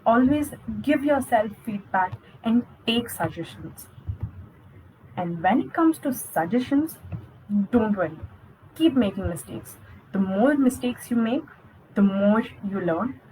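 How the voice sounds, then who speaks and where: Slightly high-voiced woman coaching. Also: expressive, measured pace, a little mellow, slight background noise, rough recording. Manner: instructive, encouraging, addresses viewers directly. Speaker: spoken English skills coach. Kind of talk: online lesson.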